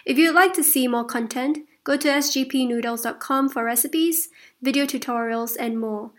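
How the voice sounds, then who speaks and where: Higher-voiced woman podcast host. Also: normal speed. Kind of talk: scripted intro, then interviewing.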